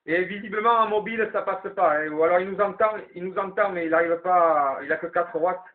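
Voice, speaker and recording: A man with a high voice speaks briskly as he leads a round of calls on an FM CB radio link. Casual and colloquial, he thinks aloud while passing the turn to other operators, and the transmission comes through tinny and narrow-band.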